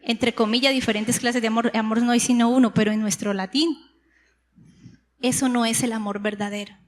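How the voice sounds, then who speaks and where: A woman's voice: on the high side, steady tone, brisk. A woman preacher, teaching a sermon and explaining words step by step with rhetorical questions. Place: church hall. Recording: long hall reverb.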